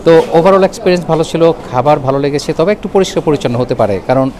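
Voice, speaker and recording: A male food and travel vlogger with a Bangladeshi accent hosts a casual, chatty restaurant review to camera, mixing in English words. His fairly high voice is a little mellow, animated and fast. Busy roadside traffic and chatter can be heard behind him.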